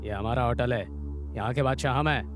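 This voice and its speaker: A man's voice: medium pitch, fairly quick, music in the background, lightly acted. A man dubbing a cocky, boastful gang boss who runs a hotel, swaggering and mocking. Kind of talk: Hindi film dub.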